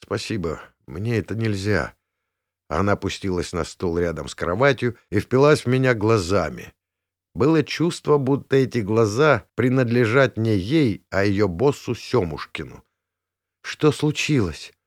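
A man narrates an audiobook with an expressive, storytelling delivery. His low voice moves through a wide, lively pitch range. The recording is dry and close, with no room sound. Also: normal speed, no room sound.

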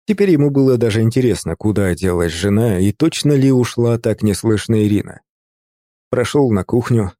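A man narrating an audiobook in an even, measured literary reading. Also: medium pitch, no echo, clean studio sound.

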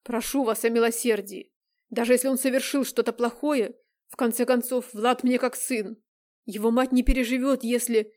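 A woman's voice: a little high, steady tone, moderate pace, a little mellow, lightly acted. A woman reader voicing an anxious older stepfather who presses with questions and pleads for mercy. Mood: imploring. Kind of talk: audiobook character reading.

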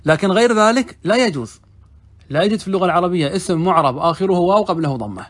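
Middle-aged male sheikh, higher-pitched voice, patient question-and-answer grammar teaching. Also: animated. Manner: explains step by step, asks the class questions and answers them himself; reads quoted text slowly and deliberately. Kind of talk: classroom commentary on a grammar text.

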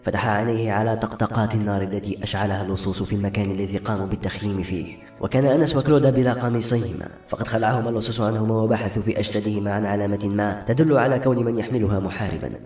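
A man narrating a novel in an expressive, dramatic reading. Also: lowish voice, very fast. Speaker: audiobook narrator. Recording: roomy audiobook recording, faint music.

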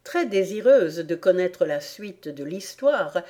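A woman reads a classic tale aloud in a calm, measured way. Her voice sits fairly low for a woman and moves at an unhurried, deliberate pace. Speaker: audiobook reader. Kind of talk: audiobook narration.

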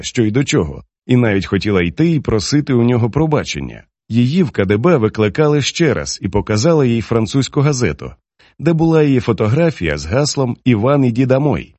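A man narrating a novel in an audiobook, lively and expressive. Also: dry recording. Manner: animated storytelling, shifts pitch for characters. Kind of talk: scripted narration.

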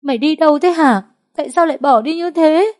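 Distraught young woman voiced by a woman narrator, shrill tearful shouting, audiobook story. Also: a little fast, close to an everyday voice. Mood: tearful outburst.

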